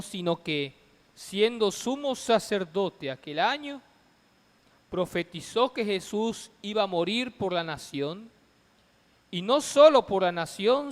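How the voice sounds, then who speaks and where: A man reading scripture as a clergyman at Mass, solemn and measured, declaiming in phrases with pauses, with cathedral echo. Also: sits high. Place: large reverberant church. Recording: long cathedral echo and reverb.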